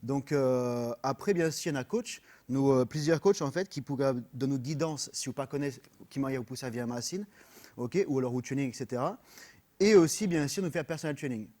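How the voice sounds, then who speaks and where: A man from France with a French accent, guesting as a personal trainer on a radio interview, earnest and halting, with many fillers and English words mixed in. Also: medium pitch, dark tone.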